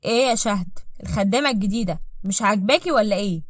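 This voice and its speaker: Egyptian-accented, cold domineering rich husband voiced by a female narrator, quick and clipped, dry close sound. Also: medium pitch, no echo, close to an everyday voice. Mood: cold, commanding. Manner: cold, commanding. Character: proud vengeful rich man, cold and domineering.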